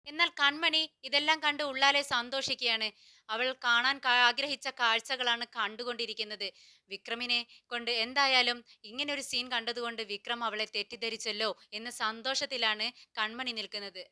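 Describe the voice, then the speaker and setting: A woman's voice: a little high, sharp tone, clean tone. A woman narrating a voice-over retelling of a TV serial, reading the characters' lines in her own voice, with frequent restarts and filler sounds. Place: home voice-over, not the pictured place.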